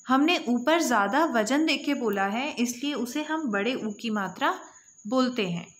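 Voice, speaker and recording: A woman teacher reading out a lesson for young children, pronouncing each word slowly and repeating it with emphasis. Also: on the high side, animated, low-quality recording. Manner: slow, drawn-out word-by-word pronunciation.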